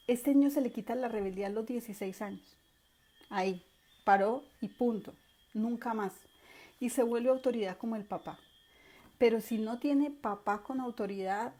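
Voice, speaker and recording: A woman with a fairly high, mellow voice teaches an online course, explaining concepts and voicing quoted parents and children in her virtual lecture.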